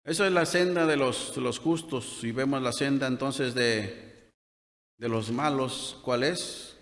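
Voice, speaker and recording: A man's voice: medium pitch, a little slow. A man, a deacon giving a sermon, hesitant, with restarts and rhetorical questions. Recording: long reverb of a hall.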